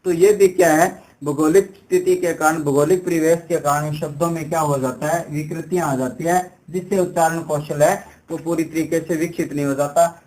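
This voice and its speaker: A man's voice: fairly high pitch, fairly even intonation, normal speed, darkish tone, rough recording. A young man teaching an exam-prep language lesson, explaining step by step and often asking rhetorical questions before answering them himself.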